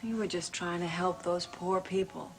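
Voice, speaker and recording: Female actor as guarded heroine, earnest, somewhat low voice, 1970s soap opera, prominent underscore. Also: steady tone, moderate pace, faint music behind, close to an everyday voice.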